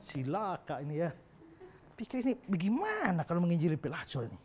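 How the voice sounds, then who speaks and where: A man's voice: on the high side, big pitch swings, brisk, a little mellow, slight background noise. A male pastor preaching a sermon in a humorous storytelling manner.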